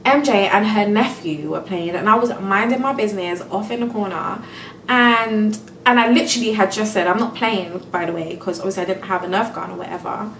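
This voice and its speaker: A woman's voice: medium pitch, a little fast, creaky, fairly bright tone, echoey room, recorded from a distance, slight background noise, rough recording. A young woman venting in a casual storytime vlog, exasperated and close to tears, full of "like" and "do you know what I mean". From England. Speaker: vlogger.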